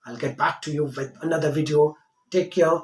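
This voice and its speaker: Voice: mid-range voice, fairly even intonation, brisk. A teacher giving a lesson, explaining step by step and repeating key phrases. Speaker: English teacher. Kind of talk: spoken English lesson to camera. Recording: roomy echoing room.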